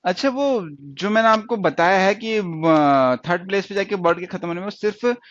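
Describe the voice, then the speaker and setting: A man teaching stenography in an online lesson, explaining step by step and repeating words and sounds slowly. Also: sits high, no room sound. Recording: dry, dull lo-fi sound.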